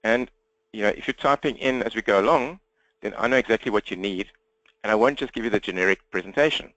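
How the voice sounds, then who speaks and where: A man from South Africa, speaking with a South African accent and a slightly croaky throat, gives an interactive webinar training while standing at his computer. He's fast, direct and upbeat, with a lowish, slightly bright voice. There's no room sound, and the highs are cut off.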